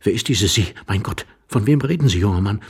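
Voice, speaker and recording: A man's voice: fairly low pitch, animated, a little fast, husky. A man voicing a desperate, flustered middle-aged man who pleads and stammers while stuck under a bed. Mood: pleading, flustered.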